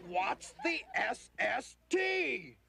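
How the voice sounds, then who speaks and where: Slow, gravelly, corny gnu puppet newscaster, Gary Gnu. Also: male voice, extremely high pitch, big pitch swings, a crowd in the background, full character voice. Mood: exasperated. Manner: theatrical, punning delivery. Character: cheerful gnu puppet news anchor, corny and easily exasperated. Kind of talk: comic mock newscast. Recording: loud music behind the voice.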